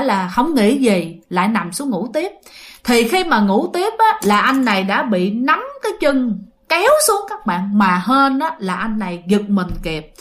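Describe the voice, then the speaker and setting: A woman's voice: sits high, fairly bright tone. A woman telling a ghost story in a chatty, casual way, often addressing her listeners.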